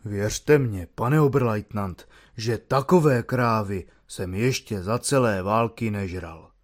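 A man doing a low, grumbling sergeant. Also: close to an everyday voice. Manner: quiet, low confiding tone. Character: nervous, grumbling male quartermaster sergeant.

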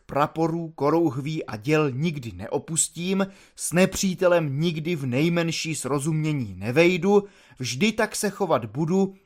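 A slightly high-voiced man reads an audiobook, voicing a simple soldier who is earnest and courteous. The soldier gives lengthy explanations of himself in a calm, formal way.

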